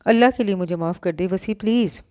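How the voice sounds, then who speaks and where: A woman's voice: mid-range voice, a little fast, dark tone, close to an everyday voice. Tense young wife, read by a woman. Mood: panicked pleading. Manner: curt, then pleading and panicked. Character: frightened, bitter young wife.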